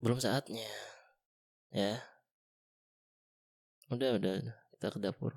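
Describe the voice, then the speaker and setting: A young man speaks in a whispered role-play as a boyfriend. His low voice is gravelly and husky. He coaxes softly and teases gently. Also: steady tone, measured pace. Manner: soft, coaxing and gently teasing. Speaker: ASMR boyfriend role-player.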